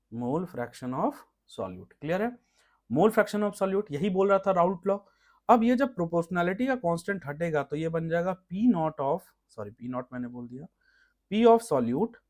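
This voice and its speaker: A man's voice: a little high, darkish tone. A male chemistry teacher lecturing, explaining step by step and often asking rhetorical check questions. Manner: explains step by step, asks rhetorical checks, repeats key terms. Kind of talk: classroom lecture.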